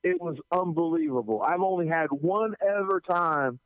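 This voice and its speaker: A man from New Jersey, speaking as a visiting anti-drug school speaker, tells stories in a casual chat, animated and acting out others' lines while stammering as he starts each thought. His slightly high voice is gravelly yet clear and resonant, at normal speed. The audio is thin and tinny like a phone line, and dry with no room echo.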